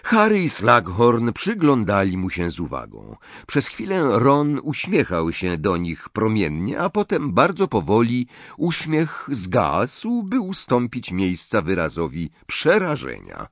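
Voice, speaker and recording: A man narrating an audiobook in an expressive storytelling reading. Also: on the low side, a little slow, few pauses, no echo.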